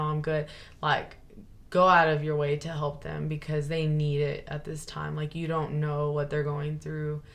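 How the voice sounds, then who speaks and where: A young woman, talking earnestly and rambling with many fillers and restarts in a casual chat. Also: low voice. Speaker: guest sharing her story.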